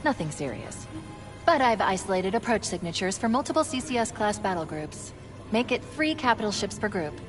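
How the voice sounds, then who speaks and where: A woman playing a cool, witty shipboard artificial intelligence in a video game, crisp and knowing. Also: medium pitch, sing-song, fairly quick, music in the background, close to an everyday voice. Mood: composed, knowing. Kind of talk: video game cinematic dialogue.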